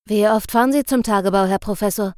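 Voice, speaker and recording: A woman's voice: mid-range voice, quick pace, a little mellow, dry recording, natural voice. Lady doing a cheeky young reporter guy, teasing, dry close sound. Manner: teasing, joking. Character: wry young male newspaper reporter.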